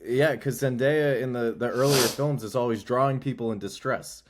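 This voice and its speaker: Male podcast guest, mid-pitched, thoughtful and opinionated, casual analytical delivery. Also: normal speed, background noise. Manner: analytical, opinionated with some restarts. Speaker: podcast guest, film producer.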